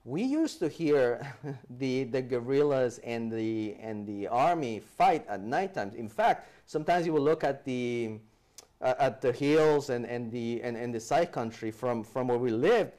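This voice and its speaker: A man in his forties from El Salvador, a guest in a studio interview, telling his story with lively hand gestures and frequent restarts, on a lapel mic. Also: medium pitch, measured pace. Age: 40s. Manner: animated, gestures with hands, many restarts. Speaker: guest speaker. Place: TV studio set, seated in armchair.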